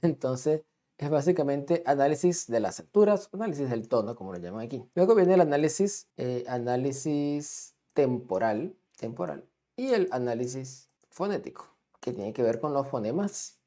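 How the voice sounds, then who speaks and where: A man teaching music with a dark, mellow voice. He explains things patiently and keeps checking that his students follow along. He sketches on a diagram as he talks. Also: mid-range voice, big pitch swings, normal speed. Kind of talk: explanatory lesson, drawing on a diagram.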